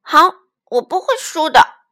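A woman voicing a stubborn, tearful little boy ankylosaurus in a children's storybook, in a loud, high, pleading child's voice. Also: normal speed. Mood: determined.

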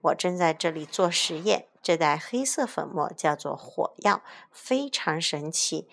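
A woman voicing an excitable, fussy explorer man in a children's storybook reading, wailing and dramatic. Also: low-pitched, a little slow, vocal fry, full character voice. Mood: explaining.

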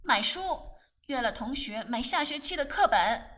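A woman's voice: fairly high pitch, lively intonation, normal speed, a bit bright, distant mic. A woman voicing a cold, impatient sixteen-year-old girl in curt, indignant audiobook lines. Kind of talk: audiobook character voice.

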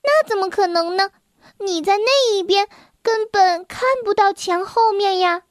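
A woman's voice: very high-pitched, unhurried, dry recording, studio quality, pitched above the performer's own voice. A woman doing a fretful little rabbit boy. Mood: worried. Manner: anxious, earnest. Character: gentle, fretful young male rabbit. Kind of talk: storybook reading.

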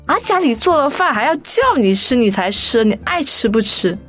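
A young woman telling a personal story as a podcast guest, lively and animated, briefly voicing the people she quotes. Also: fairly high pitch, moderate pace, soft background music.

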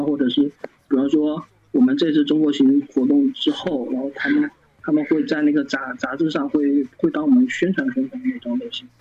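On an interview podcast, a fan site founder chats casually as a guest, frequently stammering and restarting. He has a rather high, darkish voice, and the dull lo-fi recording carries a little hiss or hum.

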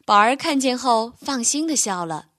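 A young woman telling a children's bedtime story in a gentle, expressive reading voice. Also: fairly high pitch, moderate pace, dry recording, clean studio sound.

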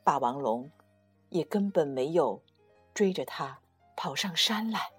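A woman reading a children's bedtime story slowly and gently, her voice soft and a little breathy. Her pitch moves a lot as she tells it, over quiet music. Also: animated.

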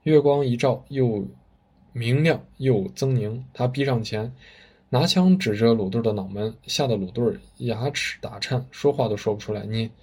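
A man's voice: medium pitch, moderate pace, darkish tone, slightly rough. A man telling a story with vivid, dramatic narration. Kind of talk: spoken storytelling.

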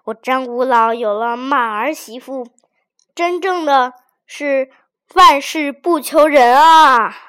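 A woman's voice: high-pitched, slow, a bit bright, clean tone. A woman playing a weary old father-in-law. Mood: proud. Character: clever old father-in-law, worried then proud.

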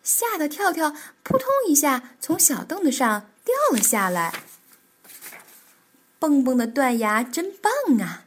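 Lady reading a kids picture book, high voice, husky, super animated. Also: a little slow. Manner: animated, expressive storytelling. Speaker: children's storyteller.

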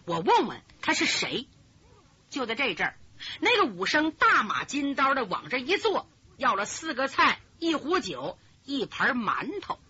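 Lady storyteller telling a kung fu tale, bright sharp voice, muffled old tape. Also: sits high, unhurried, husky, no echo. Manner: animated, dramatic, voices every character. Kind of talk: traditional storytelling.

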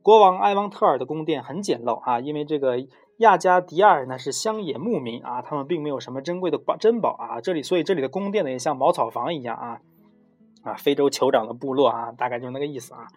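A man's voice: mid-range voice, fast, soft background music. A man retelling a myth in a chatty, digressive way, often adding tag questions. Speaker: storyteller. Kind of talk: casual myth storytelling.

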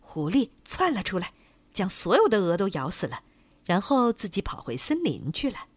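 A woman narrating a children's folk tale with an expressive, animated reading. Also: medium pitch, normal speed, slightly rough, no echo. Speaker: storyteller.

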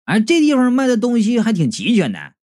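A man narrating a comic story in the first person, animated and playful. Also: very high voice, brisk, no room sound, clean studio sound.

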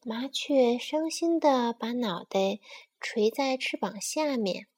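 A woman reading a bedtime story aloud to a child in a slow, gentle manner. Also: on the high side, expressive.

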